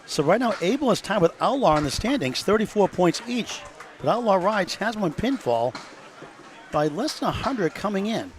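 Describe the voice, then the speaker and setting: A man's voice: high voice, big pitch swings, moderate pace, a little hiss or hum. A man commentating live on bowling, chatting through scores, schedules and playoff standings. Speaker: color commentator.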